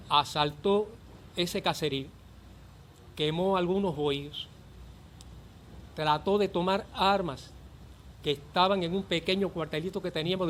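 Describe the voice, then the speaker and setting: An older man with a Cuban accent, a former volunteer teacher giving earnest, measured testimony for a documentary. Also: a little high, a bit bright, slight background noise.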